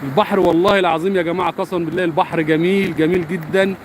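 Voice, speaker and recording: Fast-talking Egyptian man on a windy beach. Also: high-pitched, fairly even intonation. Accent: Egyptian Arabic. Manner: chatty and earnest, swears by God often. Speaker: vlogger. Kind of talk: casual live-stream chat to viewers. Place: beach outdoors in wind. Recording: wind noise on phone mic.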